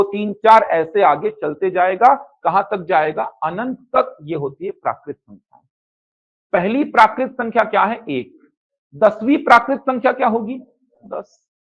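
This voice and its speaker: A man teaching a live online math class, who asks questions and answers them himself, with a Chhattisgarh Hindi accent. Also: high voice. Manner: repetitive, asks and answers his own questions. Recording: tinny phone-like sound.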